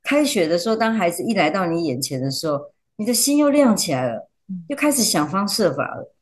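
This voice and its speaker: A woman teacher, a podcast guest, chatting casually and telling animated stories. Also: fairly low pitch, fairly quick. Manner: animated storyteller, acts out quotes.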